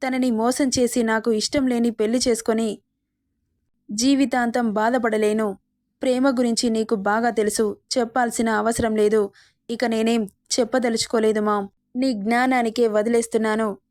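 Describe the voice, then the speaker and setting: A woman's voice: fairly high pitch, level tone, normal speed, a little mellow, no room sound, clean studio sound, lightly acted. A woman reading the lines of a young man who speaks bluntly and defiantly to his relatives and mother in a storybook narration. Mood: earnest resolute.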